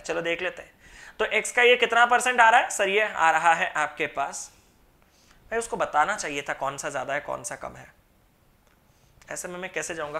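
A woman's voice: medium pitch, sharp tone. A woman teaching an exam-prep math lesson, talking through each step by asking and answering her own questions. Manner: talks through steps in mock dialogue, asking and answering; mixes English terms into explanation.

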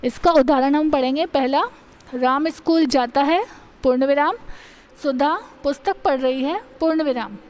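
A woman school teacher with an Indian accent explaining a grammar lesson, slowly reading out examples. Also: high-pitched, a little mellow. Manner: slow, explanatory, reads out examples.

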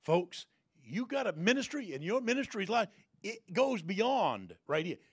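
Folksy preacher guy, gravelly voice, pitch jumps all over, sounds dry and close. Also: big pitch swings, moderate pace, no echo. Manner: folksy, repeats phrases, many fillers; bursts into shouted prayer voice. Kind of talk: sermon.

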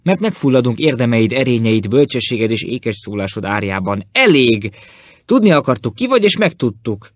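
Sarcastic, impatient Roman patrician, read by a man in an audiobook; lowish, dry close sound. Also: lively intonation, few pauses, no room sound. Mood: exasperated. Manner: sarcastic and cutting. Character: mocking, impatient Roman nobleman.

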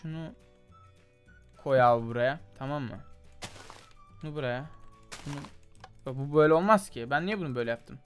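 A man's voice: mid-range voice, fairly quick, pauses often, clean tone, soft background music. A young man giving casual, chatty commentary while he plays, muttering to himself as he tries things and talking straight to his viewers. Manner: chatty, mutters while trying, calls viewers "abi" and "gençler". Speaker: gaming YouTuber.

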